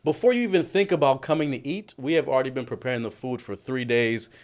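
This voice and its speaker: A young man who owns a restaurant, talking as a guest in an energetic, enthusiastic way. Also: medium pitch, fast talker. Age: young adult. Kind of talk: casual interview chat.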